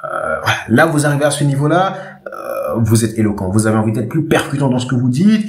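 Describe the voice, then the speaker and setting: A man hosting a casual podcast lesson on speaking well, addressing listeners directly. He talks in a lively way and often repeats himself for emphasis. His voice is mid-pitched, and the room gives it a noticeable echo. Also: brisk. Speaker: eloquence coach, podcast host. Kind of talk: casual instructional talk. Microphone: podcast microphone.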